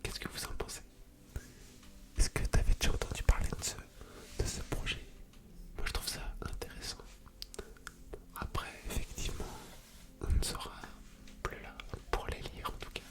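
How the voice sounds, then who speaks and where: A woman hosting ASMR in a soft, unvoiced library whisper, reading aloud and commenting casually. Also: normal speed, pauses often. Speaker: ASMR video creator and host.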